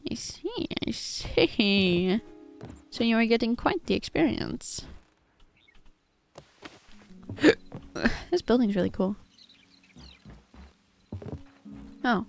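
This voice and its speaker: Lady streamer, kinda high voice, talks all proper in a put-on accent, says hi to raiders. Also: sing-song, unhurried, vocal fry, soft background music. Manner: stiff formal put-on character accent; greets raiders and chat warmly. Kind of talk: live gaming stream chat.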